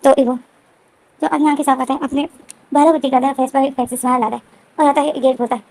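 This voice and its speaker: A woman recapping a story in a casual, rambling way, circling back over the same points with many restarts. Her voice is high and quick, with a dark, mellow tone. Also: steady tone, rough recording. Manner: repetitive, frequent restarts and fillers. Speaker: story explainer.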